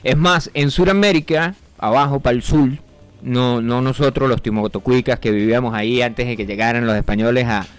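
A man's voice: mid-range voice, steady tone, fairly quick, clean tone. A man hosting a comedic radio show, telling anecdotes and acting out voices. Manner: joking, acts out voices in anecdotes.

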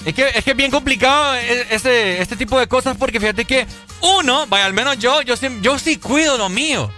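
A man's voice: extremely high pitch, moderate pace, sharp tone, faint music behind. A man co-hosting a radio show in casual, joking banter. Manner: playful, joking, teasing. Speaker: radio co-host.

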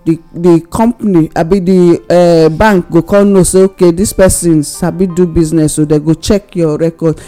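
A woman's voice: lowish voice, fairly even intonation, normal speed, hardly any pauses, warm tone, faint music behind. A woman with a Nigerian accent discussing the news casually in Nigerian Pidgin mixed with English, hesitant and repeating herself. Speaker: panelist on a news discussion show.

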